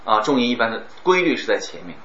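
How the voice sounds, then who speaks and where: A man teaching a class on speaking, lively and demonstrating words with exaggerated stress and pauses. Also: fairly low pitch. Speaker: speech teacher. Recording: roomy, dull, some background noise.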